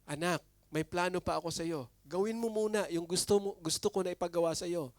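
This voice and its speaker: A man voicing God speaking gently and fatherly to a believer within a sermon. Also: high-pitched, a little fast, dry recording, clean studio sound, close to an everyday voice. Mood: gentle.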